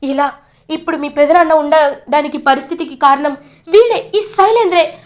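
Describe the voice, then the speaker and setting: A woman's voice: high voice, normal speed, voice pushed up, close to an everyday voice. A woman voicing a tearful, angry middle-aged mother who scolds and confesses. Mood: bitter.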